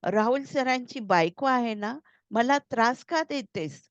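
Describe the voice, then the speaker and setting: A woman voicing an excited young man who works in an office, in a slow, eager storytelling read, on a slightly dull, dry recording. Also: fairly high pitch, no room sound.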